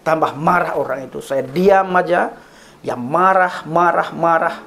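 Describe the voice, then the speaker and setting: A man's voice: fairly high pitch, measured pace, gravelly, a bit bright. A man preaching to his online viewers in an earnest, repetitive, list-like cadence, often calling them Bapak Ibu. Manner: addresses listeners as Bapak Ibu. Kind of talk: sermon.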